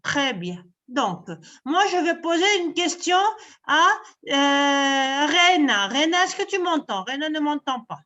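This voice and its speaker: Woman teacher on a video call: high voice, very slow and patient, repeats everything, dull lo-fi sound. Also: big pitch swings, sharp tone. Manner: patient, repeats each word pair slowly, praises pupils often. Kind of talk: online vocabulary lesson.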